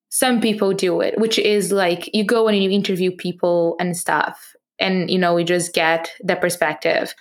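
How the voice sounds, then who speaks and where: A young woman who is a podcast host speaks English, not her first language, with a noticeable foreign accent and a mid-range pitch. She talks personally about her project with earnest passion, often restarting sentences and using fillers.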